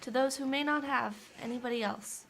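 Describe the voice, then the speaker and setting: A young woman delivers scripted news narration in a fairly high, crisp voice. Her cadence is measured and even, like a reporter's package read. Clear background noise sits behind her. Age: young adult. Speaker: student reporter.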